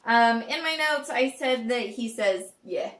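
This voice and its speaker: Woman co-host chatting casually, says like a lot, kinda high voice, echoey room. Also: unhurried, fairly bright tone. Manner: casual, frequent "like". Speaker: co-host reviewing a reality show. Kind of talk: casual chat. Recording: roomy, a bit off mic.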